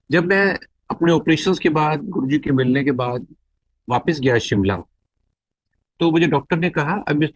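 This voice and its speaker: Middle-aged man, devotee giving testimony; slow, reflective storyteller, slightly high voice. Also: husky. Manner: unhurried, reflective storytelling that mixes in English phrases. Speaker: devotee sharing a personal testimony. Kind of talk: unscripted spoken testimony.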